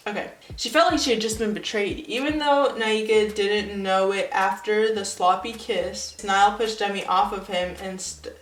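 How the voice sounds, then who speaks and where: A woman's voice: mid-range voice, reverberant, slight background noise, poor audio. A woman of nineteen reading her old story aloud and breaking off for sarcastic, self-mocking comments. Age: young adult. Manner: sarcastic, self-mocking asides between read passages.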